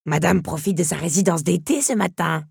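A polite coachman servant from a storybook delivers his message courteously, voice lifted a little, as a woman narrator plays him. The sound is husky and close, with no room echo. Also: fairly low pitch, brisk, exaggerated voice.

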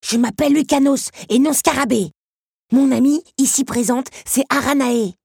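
A woman's voice: on the low side, lively intonation, a little slow, darkish tone, slightly rough, no echo, studio quality, heavily acted. A woman voicing a bossy male beetle who scolds and commands in a raised voice. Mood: scolding.

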